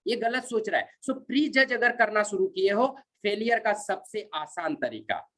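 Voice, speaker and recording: A man's voice: high-pitched, lively intonation, a little slow, bright, forceful tone. A man giving a motivational training talk on network marketing, driving each point home by repeating it and mixing in short English phrases. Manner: emphatic, repeats each point several times.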